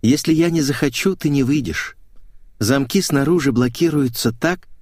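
A man's voice: medium pitch, moderate pace, a little mellow, dry recording, clean studio sound, pitched above the performer's own voice, close to an everyday voice. A male audiobook reader voicing a sly young woman who purrs and taunts. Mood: taunting. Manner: purring, taunting.

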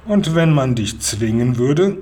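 A man's voice: mid-range voice, animated, measured pace, warm tone, a little hiss or hum, lightly acted. A man voicing a greedy, domineering male robber in a storybook reading, barking orders and mocking others. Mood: bossy.

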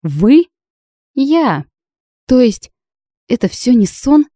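A woman's voice: a little high, big pitch swings, very slow, dark tone, no echo, studio quality, voice pushed up, full character voice. Woman voicing a flustered young heroine.

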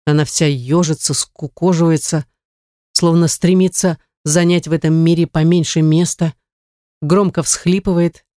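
An audiobook reader giving steady first-person narration of a romance novel. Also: mid-range voice, a little slow, no echo, clean studio sound.

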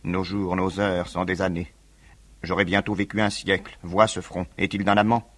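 A man's voice: deep voice, little pitch movement, moderate pace, fairly bright tone. An actor playing a brooding, fanatical young male revolutionary in a 1950s radio reading, with grave, solemn declamation. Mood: grave, somber.

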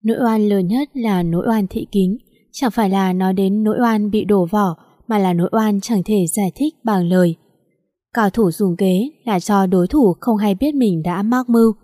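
A woman reading a storybook aloud in steady scripted narration. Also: mid-range voice, normal speed, no echo, studio quality.

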